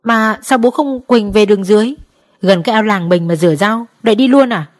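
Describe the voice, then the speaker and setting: A woman's voice: mid-range voice, brisk, lightly acted. A woman voicing a tired, sulky teenage son who complains, in a spoken story. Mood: whiny. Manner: whiny complaining.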